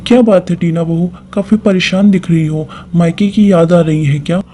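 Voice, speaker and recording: A man voicing an older mother-in-law who asks questions loudly and kindly, in a storybook tale. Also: high-pitched, fairly even intonation, moderate pace.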